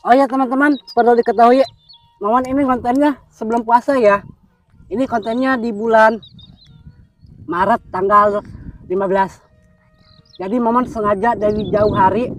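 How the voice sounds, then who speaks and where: A woman's voice: a little high, vocal fry. A woman chats casually as an outdoor mukbang host, talking with her mouth full as she eats. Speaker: vlogger hosting an outdoor eating show. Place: outdoors on a windy hillside plantation. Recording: noisy outdoor recording with clicks. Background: wind and outdoor nature sounds.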